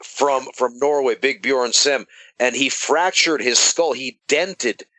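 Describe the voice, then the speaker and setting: A man hosting a casual podcast, telling stories in an animated, emphatic way. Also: medium pitch, takes it slowly, no room sound, rough recording. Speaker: podcast host.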